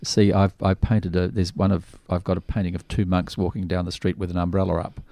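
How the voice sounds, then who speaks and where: An older Australian man with a slightly croaky voice, chatting casually as a radio co-host. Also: low voice, little pitch movement, a little fast, warm tone, no echo. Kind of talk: casual chat.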